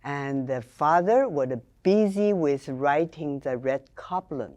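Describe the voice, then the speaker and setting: An older woman with a very low, mellow voice speaks slowly as a guest. She explains traditions carefully, in a storytelling way. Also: lively intonation, muffled recording. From China and Taiwan. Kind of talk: conversational interview.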